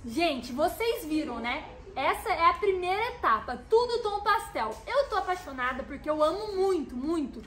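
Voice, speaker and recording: A very high-pitched woman with a Brazilian Portuguese accent speaks at normal speed while shopping in a stationery store for her vlog. Browsing the aisles, she addresses her viewers in an animated, chatty manner.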